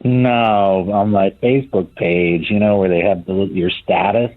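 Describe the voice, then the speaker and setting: A man's voice: fairly low pitch, fairly even intonation, measured pace. A man heard over a phone line on speakerphone, calling in to a radio show and stumbling over his words. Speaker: caller.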